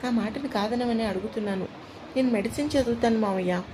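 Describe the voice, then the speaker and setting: A woman's voice: fairly high pitch, fast, background noise, natural voice. A woman as an earnest young niece, tender and hopeful. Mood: tender pleading. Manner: tender, pleading, emotional. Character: young woman, eager hopeful medical student, affectionate niece.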